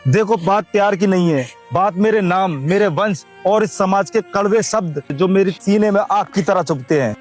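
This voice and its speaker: A man's voice: high-pitched, moderate pace, few pauses, faint music behind. A man playing a troubled young husband. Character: troubled young village husband wanting a child.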